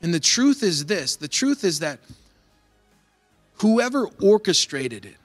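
A man preaching a sermon in a relaxed, conversational way, retelling a Bible story and voicing its characters. His voice sits a little high for a man. Faint music plays softly underneath. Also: takes it slowly. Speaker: pastor.

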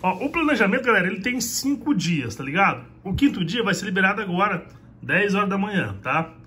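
This man from Brazil, a delivery rider with a vlog, chats to camera in a loose, lively way, his phone held at arm's length in a small home room. The voice is high-pitched and brisk, and the sound is roomy. Animated and slangy, he gestures as he talks and says "mano" over and over.

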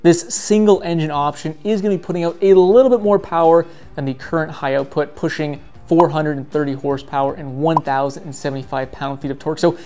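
A man's voice: on the high side, brisk, few pauses, soft background music. A man in his thirties, a diesel mechanic, talking energetically in a vlog from a truck repair shop. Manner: energetic, emphatic, talks with his hands. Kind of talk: explanatory vlog talk.

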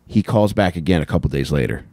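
A deep-voiced American man co-hosts a casual comedy podcast, talking fast and expressively with a warm tone. He swears and cracks crude jokes into a handheld mic held close, sitting in a small wood-panelled room indoors, with no room sound on the recording.

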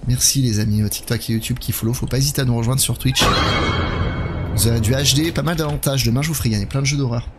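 A man's voice: medium pitch, fairly even intonation, fast, music in the background. A man with a French accent chatting casually with viewers on a live game stream.

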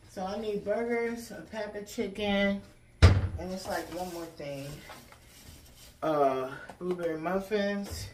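An American woman vlogger shows off a grocery haul, chatting casually and folksily with viewers as she unpacks. Her voice is on the low side and a little mellow, recorded with a distant mic in an echoey room with clear background noise.

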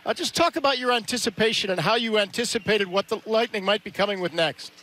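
A man's voice: high voice, fast talker, bright, forceful tone. A middle-aged man on a headset, interviewing a player live after a game with upbeat, direct questions. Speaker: broadcast interviewer.

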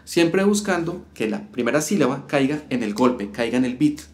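A man's voice: mid-range voice, lively intonation, normal speed. A man teaching a step-by-step guitar lesson, explaining rhythm and counting syllables aloud. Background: guitar playing.

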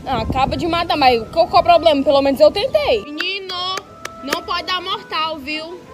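A woman's voice: high voice, lively intonation, brisk. A woman acting out comedy sketches, blunt and sarcastic, flipping from sweet baby talk to threats. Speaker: comedy sketch performer playing a nurse and a lifeguard. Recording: echoey room with loud music.

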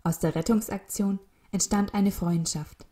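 A woman narrating a short children's story in a calm, even reading manner. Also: mid-range voice, measured pace.

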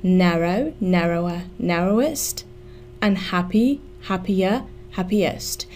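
A woman giving a scripted English grammar lesson, spelling out letters slowly and carefully. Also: on the low side, darkish tone, slight background noise.

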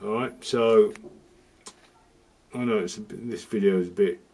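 A man's voice: lowish voice, normal speed, a little mellow, husky. A man giving a rambling, casual walkthrough of a boiler repair, often restarting his sentences and adding jokey asides. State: cold. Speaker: DIY video host.

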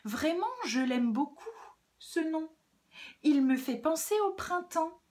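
A woman voicing a whiny, bullied wolf in a children's storybook, sobbing in a high, wailing voice. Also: lively intonation, slow pace, a little mellow. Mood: sugary.

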